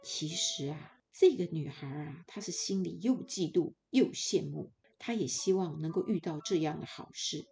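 A woman narrating a fairy tale for children, expressive and playful, speaking directly to young listeners. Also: low voice, normal speed, creaky, few pauses. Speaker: children's storyteller.

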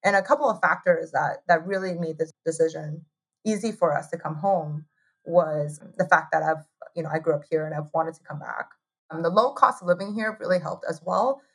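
Her voice is low and slightly rough, and she speaks briskly. She's a woman in her thirties from Taiwan, a hot sauce co-founder recounting her story as an interview guest, chatting freely, laughing often, and filling pauses with "like".

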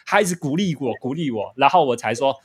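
A man's voice: medium pitch, expressive, fast, darkish tone, slightly rough. Reflective man chatting. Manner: reflective, restarts often, laughs along. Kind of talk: casual chat.

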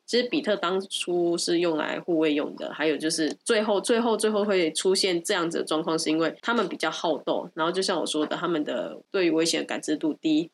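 Woman, Taiwanese accent, stuffy nose, lowish pitch, opinionated casual explainer, repeats for emphasis, some background noise. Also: brisk, few pauses. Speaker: podcast co-host explaining dog topics.

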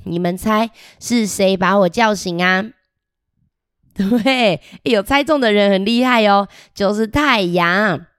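A woman's voice: mid-range voice, slow pace, clean tone, no room sound, studio quality, natural voice. A woman voicing a chatty little boy about to start kindergarten in a children's picture book read-aloud, playful and giggly as she talks straight to the children listening. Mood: cheerful, boastful. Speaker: storybook reader.

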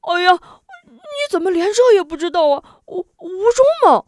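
A woman voices a dim, excitable hulk of a fighter in a spoken martial-arts tale. His voice runs high and lively, tripping over its own words, and it is recorded close and dry. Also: a little slow, no echo. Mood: flustered. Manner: stammering, flustered and insistent. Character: dim-witted excitable big male fighter.

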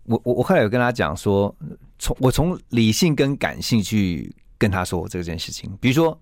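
A man with a Taiwanese Mandarin accent, a guest on a radio interview, telling a story with lively acted-out quotes. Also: fairly low pitch, normal speed, dry recording, studio quality. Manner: animated storyteller who acts out quoted lines.

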